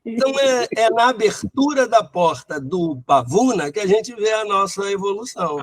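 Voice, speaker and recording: A man's voice: high voice, expressive, normal speed, dry recording. A Brazilian man in a study group, chatting with humor and playful examples. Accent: Brazilian Portuguese. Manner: humorous, acts out polite phrases. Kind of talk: casual chat.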